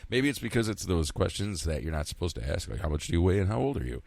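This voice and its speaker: A man's voice: low-pitched, sing-song, quick pace, creaky, a little mellow, no room sound. A man in his fifties from central New York, hosting a casual solo podcast, rambling and candid, swearing freely and talking to himself. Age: 50s. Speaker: podcast host.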